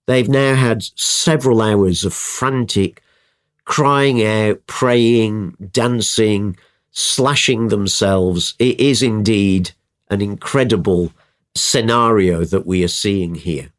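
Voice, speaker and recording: A man's voice: lowish voice, slow. A man teaching from the Bible in conversation, telling the story with energy and acting out the quotes. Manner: animated storytelling, acts out quotes.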